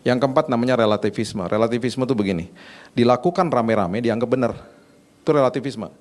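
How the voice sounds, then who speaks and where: A man's voice: mid-range voice, brisk, darkish tone. A male pastor delivering a sermon in a casual, conversational way, acting out little anecdotes.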